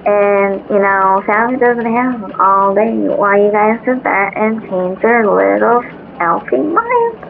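A woman's voice: mid-range voice, lively intonation, unhurried, creaky, a little hiss or hum. A woman playing a frustrated female wrapping elf who rants in exasperation, heard over a tinny phone line. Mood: exasperated. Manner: exasperated ranting.

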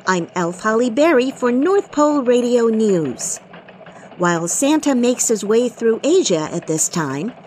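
A woman playing a chipper female elf news reporter who delivers a mock radio news report in a bright, bouncy newsreader manner. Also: fairly high pitch, slight background noise. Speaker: news anchor.

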